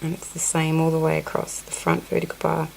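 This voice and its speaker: Her voice is low and monotone, a little fast and creaky, as she demonstrates a crochet technique with close-ups of her hands while nursing a sniffly cold. She murmurs stitch counts and apologizes in asides, and the poor audio carries a slight hiss or hum.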